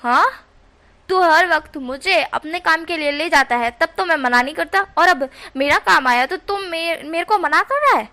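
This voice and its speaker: A woman's voice: high-pitched, a little slow, sharp tone. A woman voicing an easygoing, caring young man who talks in a chatty, coaxing way.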